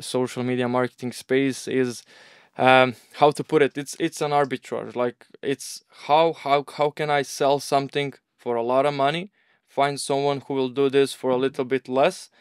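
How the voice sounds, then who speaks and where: A young man with a Croatian accent chats in a loose, rambling way, dropping plenty of fillers. His voice sounds smooth and clean, and the recording is dry with no room echo. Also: medium pitch. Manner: relaxed, rambling, uses "bro" and "like". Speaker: agency owner, guest. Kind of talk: casual interview talk.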